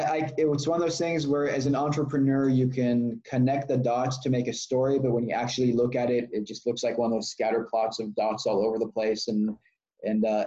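Talkative founder from Texas, muffled sound. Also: male voice, mid-range voice, warm tone. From Texas, United States. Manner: explanatory, with fillers and restarts. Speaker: startup founder and guest. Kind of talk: conversational interview answers. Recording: dull lo-fi sound.

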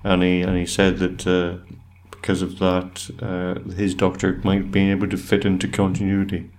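A man's voice: deep voice, completely flat delivery, moderate pace, darkish tone. Dry, teasing male podcast co-host. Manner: dry, teasing banter with frequent laughs. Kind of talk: casual chat.

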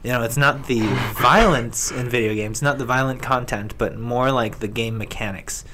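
A man's voice: mid-range voice, steady tone, normal speed, sharp tone. A man speaking as a guest in a casual, improvised way, often searching for his words. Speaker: guest pitching game ideas. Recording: clear background noise.

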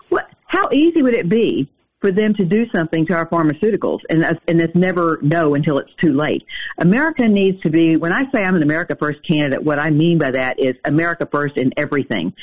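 A man running for the U.S. Senate, heard over the phone in an interview and making his case in an urgent, emphatic way. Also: fairly high pitch. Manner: urgent, emphatic campaign talk. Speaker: U.S. Senate candidate. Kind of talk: political interview. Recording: dull, lo-fi phone line.

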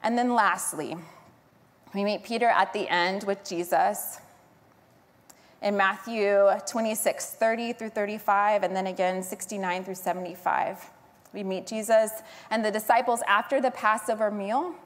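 A woman preaching a sermon in an earnest, storytelling manner, leaning on key words for emphasis. Her voice sits at an ordinary middle pitch. A long hall reverb follows every phrase. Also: steady tone, normal speed.

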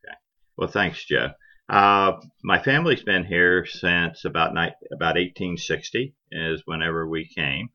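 A middle-aged or older man from Florida, a cattle rancher, explaining things conversationally in a plain-spoken, measured interview style. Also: low-pitched, sharp tone. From Florida, United States. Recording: dull lo-fi podcast audio.

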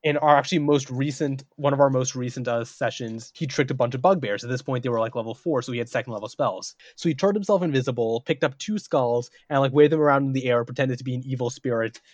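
Man, podcast game master, lively storyteller, mid voice, dry close sound. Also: mid-range voice, fast, few pauses, no echo. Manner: animated, acts out characters while telling stories.

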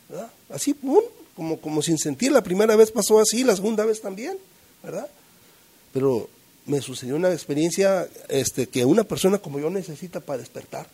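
A man's voice: dark tone, husky. A middle-aged man tells a group his recovery story in a rambling way, full of fillers and tag questions, acting out the voices of people he quotes. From Mexico. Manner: acts out quoted voices with pitch jumps. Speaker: recovery group member sharing testimony. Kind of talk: personal testimony to a group.

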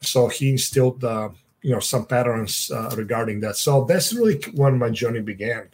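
A man in his thirties from Bulgaria, speaking with a Bulgarian accent as a podcast guest, halting and full of uhs. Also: medium pitch, animated, breathy edge. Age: 30s. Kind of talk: casual interview talk.

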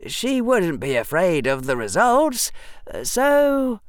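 A reader voicing an earnest young wizard boy who lectures and persuades in a high, pushed-up voice. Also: wildly swooping pitch, slow, dry recording. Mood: persuasive. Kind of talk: audiobook character reading.

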